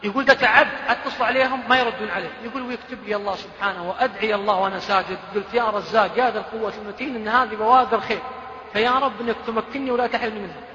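A high, bright-voiced man preaches at a brisk clip, telling stories and giving the people in them their own quoted words. His voice rings through a large hall with a long tail of reverb, and the recording sounds dull and lo-fi. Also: fairly even intonation. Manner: emotional, retells stories with quoted dialogue. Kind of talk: sermon storytelling.

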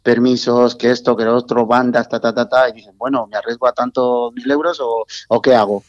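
A man's voice: mid-range voice, level tone, brisk, dry recording, lo-fi sound. A middle-aged man from Mexico, a festival organizer, chatting in an interview, joking and effusive with frequent tag questions. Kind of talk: casual interview chat.

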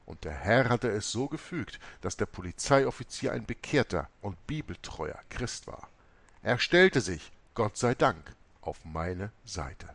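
A man reading a first-person memoir aloud, telling it in a dramatic, expressive way. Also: lowish voice, unhurried, no room sound. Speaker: audiobook reader.

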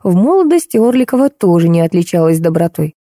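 Woman reading an audiobook, calm and even, super mellow dark tone, dry close mic. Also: fairly low pitch, no echo. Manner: even, measured storytelling. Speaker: audiobook narrator. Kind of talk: scripted narration.

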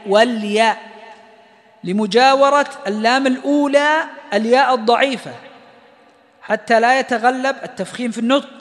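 A man teaching Quran recitation rules, explaining and then slowly chanting each example word. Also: high-pitched, fairly bright tone, long reverb tail. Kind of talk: tajweed lesson with recited examples.

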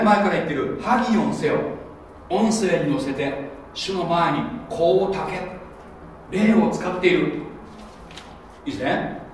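A man preaching a sermon as pastor, animated and often checking that listeners follow along. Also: a little high, slight background noise. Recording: echoey hall, voice from a distance.

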